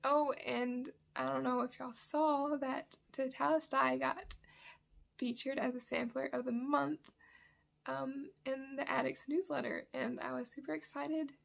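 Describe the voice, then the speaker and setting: This is casual chat from a woman whose high-pitched, level voice moves a little slowly and carries vocal fry. Her throat is dry as she rambles about her cross-stitch projects at home in the sun, chatty and self-correcting.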